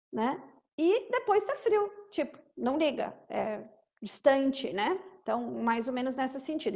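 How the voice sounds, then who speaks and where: A woman teaching English through a song, explaining in Portuguese and slowly repeating English words and lyrics. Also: on the high side. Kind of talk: song-based English lesson.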